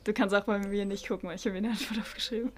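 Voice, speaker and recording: A woman's voice: medium pitch, fairly even intonation, rapid-fire, a little mellow. A young woman chatting informally as a podcast co-host leading a quiz. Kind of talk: casual chat.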